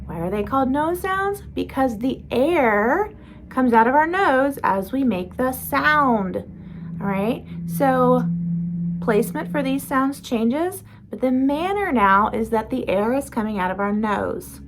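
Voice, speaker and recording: A woman teaching beginner phonics, slowly demonstrating each speech sound and how the mouth makes it. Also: high-pitched, expressive, background noise. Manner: slow, careful demonstrating of sounds. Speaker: reading and spelling teacher. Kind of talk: phonics lesson.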